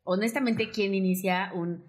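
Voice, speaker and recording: A woman's voice: mid-range voice, fairly even intonation, normal speed. A woman with a Mexican accent, a guest in a casual chat, talking in a loose, chatty way with lots of fillers. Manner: chatty, many fillers like "como que" and "ay".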